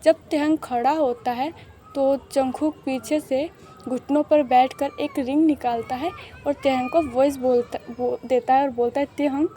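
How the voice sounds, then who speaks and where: High-voiced woman narrating a love story. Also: fairly even intonation, unhurried, mellow. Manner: chatty, repetitive, mixes English words.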